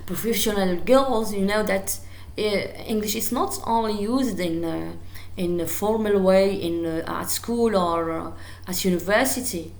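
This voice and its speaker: This is a recorded English lecture at a university by a woman with an Algerian accent and Arabic as her native tongue. Her medium-pitched, darkish voice is a little slow, and she is hesitant, full of fillers and restarts, in an echoey room.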